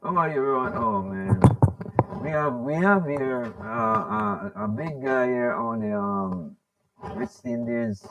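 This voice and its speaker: Halting man hosting a radio sports show. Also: medium pitch, sing-song, far from the mic, very noisy. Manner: halting, many fillers, friendly questions. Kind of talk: casual radio talk show.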